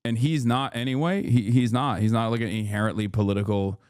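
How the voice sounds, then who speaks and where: A man's voice: lowish voice, fairly even intonation, a little fast, a little mellow, no room sound, clean studio sound. A man in his thirties who grew up in Turkey, rambling and joking through casual, profane reaction commentary. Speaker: streamer reacting to clips.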